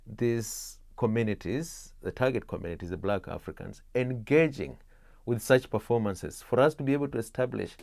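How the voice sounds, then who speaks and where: Guy, lowish voice, dry close sound, lots of uh's and restarts. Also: vocal fry, a little mellow, no echo. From Kenya. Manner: measured, many "uh" pauses and restarts. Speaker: interviewee, theatre practitioner. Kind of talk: explaining his work in an interview.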